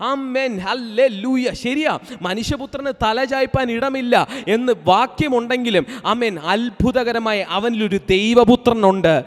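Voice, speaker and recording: A man preaching a fervent sermon, repeating his points and dropping amen and hallelujah between lines, at times breaking into tongues. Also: very high-pitched. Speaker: apostle preaching. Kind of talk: Pentecostal sermon. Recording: long hall reverb.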